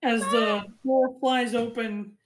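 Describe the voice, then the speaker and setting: A woman runs a tabletop fantasy game as game master. Her voice sits a little high and she narrates informally, in a casual conversational style. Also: fairly even intonation, slow.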